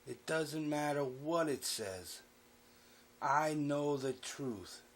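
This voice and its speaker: A man voicing his drunk, furious middle-aged father, ranting and swearing loudly. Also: fairly high pitch, lively intonation, slow pace, exaggerated voice. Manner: shouting, profane.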